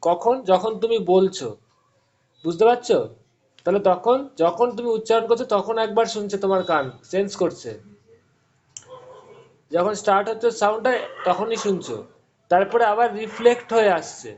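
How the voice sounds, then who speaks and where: A man with a high-pitched voice teaches physics over an online call, working through each idea slowly and asking his students questions along the way. The sound is dull and lo-fi, as from a call line. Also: darkish tone, slight background noise. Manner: explains step by step, quizzing students. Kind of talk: online class explanation.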